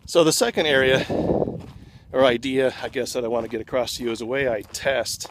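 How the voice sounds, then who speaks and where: A male online course instructor giving a relaxed, conversational lecture to his students, slightly out of breath, with plenty of ums and uhs. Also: medium pitch, brisk, poor audio. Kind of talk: casual lecture to students, recorded on a phone. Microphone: phone recording. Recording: phone recording with clear traffic noise outdoors.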